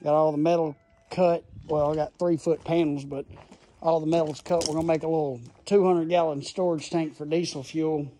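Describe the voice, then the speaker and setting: High-voiced man reviewing a tool. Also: level tone, moderate pace, warm tone. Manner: enthusiastic, folksy, rambling explanations. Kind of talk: casual phone-filmed tool review. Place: outdoors in a gravel yard, then a garage. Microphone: phone camera held in hand.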